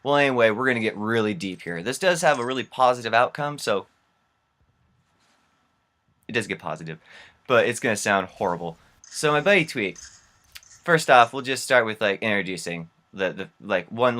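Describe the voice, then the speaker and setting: A young man with a fairly low, fairly bright and expressive voice rambles through casual stories over gameplay as a gaming vlogger. He keeps a moderate pace and drops slangy, disbelieving asides.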